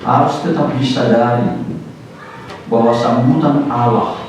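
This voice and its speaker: A man preaching a sermon, rising in emphasis and slowing down on key words, sometimes slipping in English phrases. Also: mid-range voice, fairly even intonation, a little mellow, very echoey, recorded from a distance, slight background noise, rough recording. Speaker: pastor. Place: church sanctuary.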